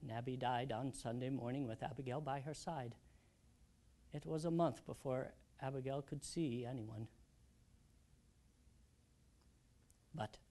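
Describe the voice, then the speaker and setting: Man acting as elderly John Adams, reminiscing deliberately. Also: on the high side. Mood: grieving, tender. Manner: deliberate, old-fashioned diction with reflective pauses. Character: elderly American statesman of eighty-eight, reminiscing, proud and wistful. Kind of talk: theatrical historical monologue.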